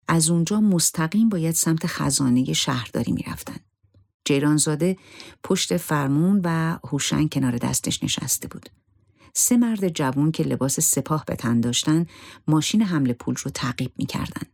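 Grave storyteller, gravelly and husky voice, super dry close sound. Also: medium pitch, a little mellow, no room sound. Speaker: narrator. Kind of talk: dramatic story narration.

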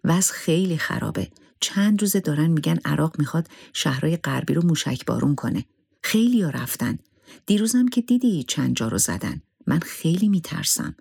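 Scared young mom pleading with her husband, man reading her, higher voice, dry sound. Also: big pitch swings, gravelly, darkish tone, breathy edge, dry recording, exaggerated voice. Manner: pleading, fearful. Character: anxious young wife and mother.

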